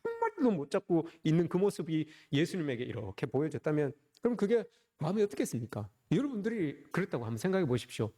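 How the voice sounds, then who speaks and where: Lively pastor preaching. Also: male voice, high voice. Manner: animated, jokey, rhetorical questions to the congregation. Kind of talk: sermon.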